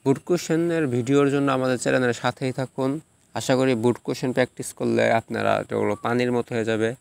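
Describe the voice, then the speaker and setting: A man teaching a recorded lesson, reading out rules and repeating example words slowly and carefully. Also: mid-range voice, fairly even intonation, gravelly, darkish tone, clean tone. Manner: slow, drawn-out repetition of example words.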